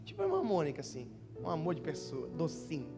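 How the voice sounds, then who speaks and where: A young Brazilian pastor with a high voice preaches at a youth conference. He jokes, tells stories and calls his listeners brother. Music plays underneath the live church recording. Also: wildly swooping pitch, quick pace, in a large hall. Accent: Brazilian Portuguese. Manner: joking, storytelling, addressing listeners as brother. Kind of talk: lively conference sermon.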